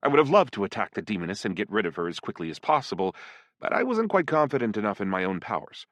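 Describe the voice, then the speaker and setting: A man narrating a first-person dark fantasy audiobook in an expressive storytelling manner. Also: fairly low pitch, quick pace, dry recording.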